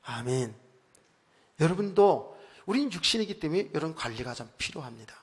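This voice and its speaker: A male pastor preaching a conversational sermon, telling stories with frequent asides, moving from quiet remarks to loud emphatic bursts. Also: a little high, lively intonation, moderate pace, husky. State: recently worn out and hoarse. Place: church sanctuary. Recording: long church hall reverb.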